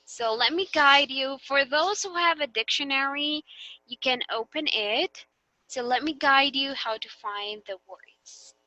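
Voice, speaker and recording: A woman teacher with a Filipino English accent leads a classroom demonstration lesson, checking in with students as she goes. Her voice sits high and sounds bright and crisp. The recording is dry and close, with no room echo. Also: a little slow. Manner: patient, guiding questions with frequent okay and right.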